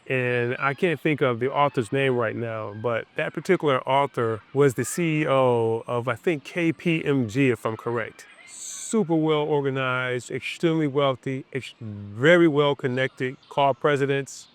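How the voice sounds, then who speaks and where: A man speaks earnestly outdoors in a park, at a middling pitch for a man. He talks reflectively to the camera in short phrases and repeats his main points. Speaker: business coach. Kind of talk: reflective motivational talk to camera.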